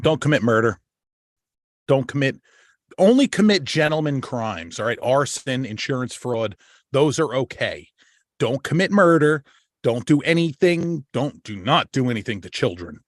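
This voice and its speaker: A man's voice: medium pitch, dry recording, clean studio sound. A middle-aged man from New York, hosting his own show, telling stories in a casual monologue with blunt, profane jokes. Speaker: show host.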